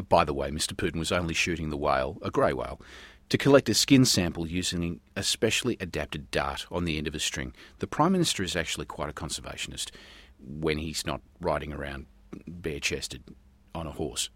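A man's voice: extremely low pitch, animated, a little fast, a bit bright, breathy edge, no room sound. A man hosting a science radio show, reading a script in a wry, tongue-in-cheek way. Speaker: radio science show host and news reader.

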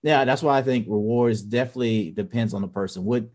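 A man in his thirties co-hosting a podcast, talking casually and haltingly with many restarts. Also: medium pitch, a little mellow. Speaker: podcast co-host. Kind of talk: casual chat.

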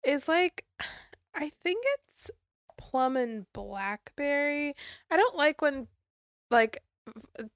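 A woman's voice: high voice, lively intonation, takes it slowly, pauses often, no echo, studio quality. Stuffy-nosed young woman co-hosting a podcast. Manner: chatty, giggly, lots of likes and ums. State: stuffy, congested nose. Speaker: podcast co-host. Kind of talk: casual chat.

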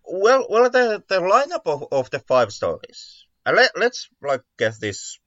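A high-pitched man with wildly swooping pitch speaks unhurriedly in a fairly bright tone. As a podcast co-host in a casual discussion of mystery stories, he stammers and often repeats words mid-sentence. The recording sounds dull and lo-fi, with a roomy echo.

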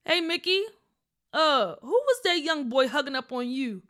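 A woman voicing a gentle, caring dad who gently teases his daughter in a storybook podcast. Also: high voice, animated, a little slow. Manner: gentle, teasing, hesitant.

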